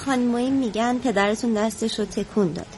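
An actress playing a courteous hospital nurse who speaks carefully and hesitantly in a radio drama. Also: female voice, on the high side, a little mellow, a little hiss or hum, close to an everyday voice. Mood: polite.

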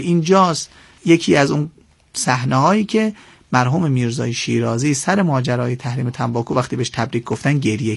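A man with a gravelly, slightly husky voice tells a historical episode on a radio program. He talks in an animated way and shifts his tone when he quotes people. The sound is dry and close. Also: a little high, no echo. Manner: animated storytelling, quoting figures in shifting tones. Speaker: guest lecturer on history. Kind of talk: radio interview, explaining history.

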